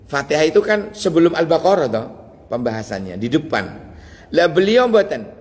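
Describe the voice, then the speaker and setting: A man's voice: on the high side, long reverb tail. A man with a Javanese accent giving a dawn study sermon, teaching in a folksy way with chuckles and Javanese asides. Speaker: preacher.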